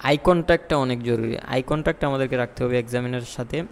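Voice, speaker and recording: A man teaching IELTS speaking tips in a lesson. He explains in Bengali, slips in English terms, reads example sentences slowly and repeats key points. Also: mid-range voice, gravelly, in a large hall, slight background noise. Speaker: IELTS tutor. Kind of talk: spoken exam-tips lesson.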